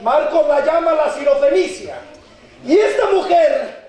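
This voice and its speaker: A man preaching a fervent sermon, shouting and calling on the congregation to respond. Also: very high-pitched, expressive, unhurried. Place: church sanctuary. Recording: echoey church hall, from far off.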